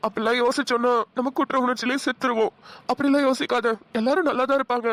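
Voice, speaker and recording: Lightly acted, the cartoon performance features a voice actor as a caring young village husband who coaxes and reassures in a rustic manner. The voice is mid-range, steady, fast and a bit bright.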